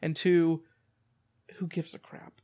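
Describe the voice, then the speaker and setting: A man's voice: on the high side, monotone, takes it slowly, warm tone. A man co-hosts a podcast. He jokes his way through loose, rambling banter in an easygoing conversational tone. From American. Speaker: podcast co-host.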